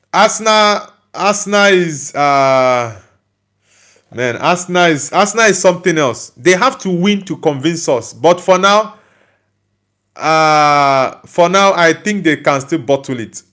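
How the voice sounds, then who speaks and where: This football channel host, a young man with a Nigerian accent, speaks slowly at a fairly high pitch, animated and fairly bright. He reads out live chat comments in a casual stream, stumbling through fillers and restarts.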